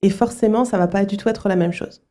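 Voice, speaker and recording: A middle-aged woman, a school director, answering interview questions at a student fair, often pausing with fillers and restarting her sentences. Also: mid-range voice, dark tone. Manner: hesitant, many fillers and restarts.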